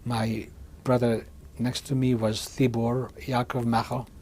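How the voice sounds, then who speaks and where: A man in his sixties from Hungary, giving oral history testimony in a halting way, often restarting and repeating words. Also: medium pitch, level tone, a little mellow, slight background noise. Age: 60s. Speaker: interviewee.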